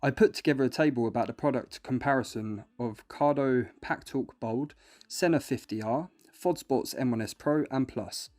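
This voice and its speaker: Over background music, a man reads a scripted product review, explaining things in an instructional, step-by-step fashion. He speaks at a moderate pace in a medium-pitched, slightly mellow voice.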